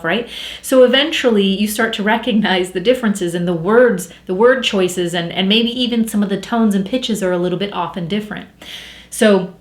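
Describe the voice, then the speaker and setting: Casual spiritual coach, woman, chatty, mid pitch, roomy echo. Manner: chatty, acts out inner voices. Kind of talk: casual teaching talk.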